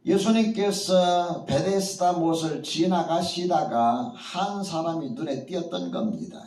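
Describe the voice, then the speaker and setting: A man's voice: fairly high pitch, lively intonation, a little slow, a little mellow. A male pastor giving a morning sermon in a church, telling the story vividly and acting out the voices he quotes. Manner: storytelling preacher who acts out quoted voices. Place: church at a morning prayer meeting. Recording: echoey church hall from far off.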